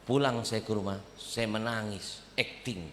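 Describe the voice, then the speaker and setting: A male preacher telling a story in a sermon, in an animated, comic way. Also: on the low side, measured pace. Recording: echoey hall, faint ambience.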